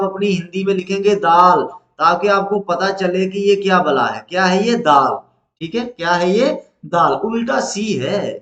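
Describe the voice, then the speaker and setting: A male teacher with a fairly high voice leads a classroom lesson, patient and repetitive, asking his students questions again and again. The sound is echoey, as in a bare classroom. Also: a bit bright, highs cut off. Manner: patient, repeats and quizzes students.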